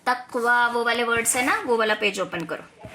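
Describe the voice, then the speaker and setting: A woman's voice: fairly high pitch, moderate pace, bright, forceful tone, slight background noise. A woman teaching an online class for children, explaining patiently step by step and often checking in with her students. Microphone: video call.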